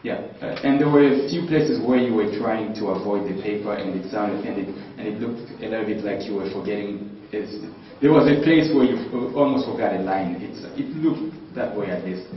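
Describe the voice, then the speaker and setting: A man judging a talent show, giving critique in a halting, hesitant way with repeated words. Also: fairly low pitch. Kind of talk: live spoken critique to a contestant. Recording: echoey hall, distant dull microphone, faint noise.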